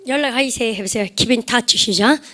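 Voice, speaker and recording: A woman teaching English in a classroom who drills phrases and has students repeat them. She says her model sentences slowly and draws them out. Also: on the high side, fairly bright tone. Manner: slow, drawn-out model sentences. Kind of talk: classroom lecture.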